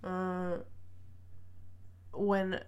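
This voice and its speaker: A woman's voice: on the low side, completely flat delivery, very slow, a little mellow, lo-fi sound, slight background noise. Hesitant young woman from Malaysia. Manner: reflective, hesitant, many fillers, light laughs. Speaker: student vlogger. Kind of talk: casual personal vlog.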